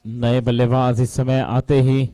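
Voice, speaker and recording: A man's voice: mid-range voice, little pitch movement, a little slow, mellow, no room sound. A man with an Indian accent doing live cricket commentary, dramatic, with rhyming wordplay and some English mixed in for the scores.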